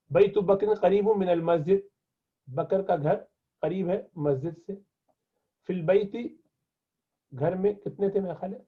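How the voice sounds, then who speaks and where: A man with a fairly high, husky voice teaches Arabic, reading each phrase slowly before he explains it. The sound is thin and phone-like, as if from a tinny line. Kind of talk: classroom lesson explaining Arabic in Urdu.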